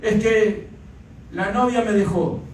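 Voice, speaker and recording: A man's voice: high-pitched, slow, a little hiss or hum. A male pastor preaching a sermon, pressing each point hard and punctuating it with amens. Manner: emphatic preaching with repeated amens. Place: church. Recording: echoey church hall, mic far off.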